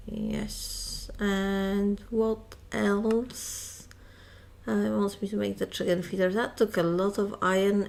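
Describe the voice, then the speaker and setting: A woman with a heavily creaky, gravelly voice, chatting her way through a building game at a middling pitch. She sounds tired and talks in a rambling, self-mocking way, full of fillers. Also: a little mellow, slight background noise. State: tired, yawning. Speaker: Minecraft modpack let's-player. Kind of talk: casual gameplay commentary.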